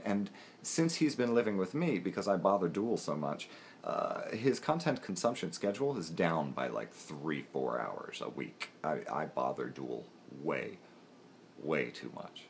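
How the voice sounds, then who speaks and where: Deep-voiced rambling vlogger man. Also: slight background noise. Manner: rambling, intense and self-deprecating. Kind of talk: casual vlog talk to camera. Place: outdoors by a road.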